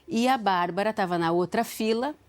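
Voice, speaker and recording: A woman's voice: medium pitch, moderate pace. A woman in her forties, a talk show guest, telling a story earnestly with frequent restarts. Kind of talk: emotional storytelling.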